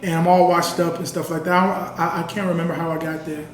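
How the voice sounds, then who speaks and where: A man with a fairly high pitch and level tone talks quickly in a sit-down interview, telling a personal story. As a guest he sounds earnest and conversational, often saying "you know." The recording is roomy, from a distant mic, with faint ambience.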